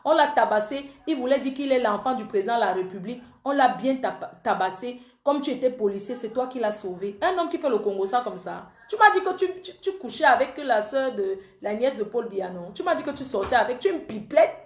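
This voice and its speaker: An echoey room holds a woman's voice that is a little high, expressive, a little mellow and a little fast, with few pauses. She's an online commentator who calls herself the panther, angrily and repetitively accusing a man she addresses directly, though he's absent, during an emotional live-stream rant.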